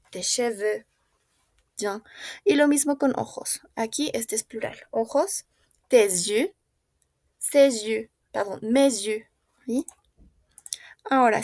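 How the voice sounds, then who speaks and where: A woman's voice: a little high, darkish tone, no room sound, studio quality. A woman teaching a French class in Spanish, patiently repeating words and checking often that students follow. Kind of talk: classroom language lesson.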